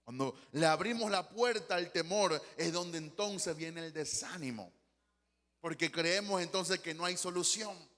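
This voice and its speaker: Impassioned high-voiced preacher, Panamanian accent. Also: male voice, a little slow, fairly bright tone, big-room sound. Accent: Panamanian Spanish. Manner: impassioned preaching with acted-out quotes. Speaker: pastor. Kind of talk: sermon.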